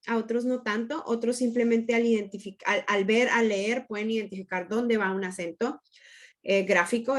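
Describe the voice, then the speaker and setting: A woman teaching an online grammar lesson, explaining patiently and checking in with students often. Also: fairly high pitch.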